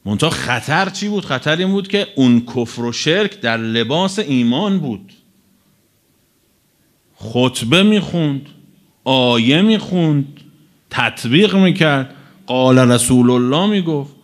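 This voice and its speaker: A man preaching a religious sermon to a live audience, stretching out key phrases for emphasis and then rushing through quick asides. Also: fairly high pitch. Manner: animated, swinging between drawn-out emphasis and quick asides.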